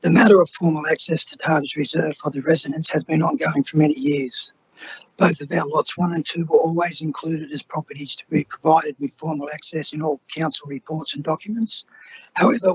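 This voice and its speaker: A hoarse man who has nearly lost his voice, reading a formal prepared statement to a council meeting. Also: fairly high pitch, slight background noise, rough recording. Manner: formal, steady, measured. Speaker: resident addressing council. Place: council chamber.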